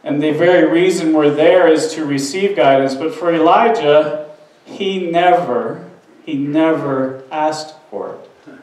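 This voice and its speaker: A man's voice: on the high side, unhurried, darkish tone. An earnest, conversational male pastor preaching in a church sanctuary. His voice rings through a very reverberant room, picked up from some distance away by the mic. He often trips and restarts mid-sentence as he talks. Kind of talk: sermon.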